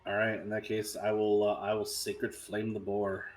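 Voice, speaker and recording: A man's voice: lowish voice, monotone, normal speed. A man chatting casually as a player in a tabletop role-playing game, thinking through his moves aloud.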